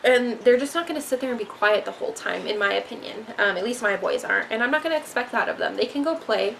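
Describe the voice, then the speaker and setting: Young mother vlogger, casual rambling chat, a bit of vocal fry, faint room hiss behind. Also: fairly high pitch, fast talker, fairly bright tone, poor audio. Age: young adult. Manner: rambling, frank, many ums. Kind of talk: casual parenting talk to camera.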